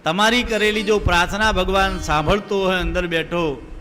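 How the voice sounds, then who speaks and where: A man preaches a devotional sermon, his fairly high voice ringing through a long reverberant hall. He tells stories and keeps asking his listeners rhetorical questions. Soft sitar music plays faintly behind him. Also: fairly even intonation, normal speed. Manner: storytelling, asks the audience rhetorical questions.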